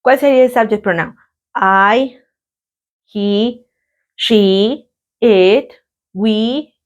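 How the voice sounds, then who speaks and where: A woman with a Latin American Spanish accent teaching an English grammar lesson, slow and patient, often checking in with questions. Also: medium pitch. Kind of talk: recorded classroom lesson.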